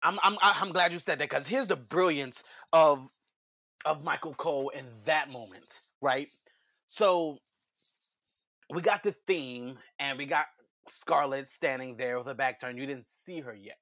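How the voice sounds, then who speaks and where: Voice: medium pitch, a little slow, a bit bright, no room sound, studio quality. A podcast co-host breaking down a wrestling segment step by step in casual chat. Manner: explanatory, builds points step by step.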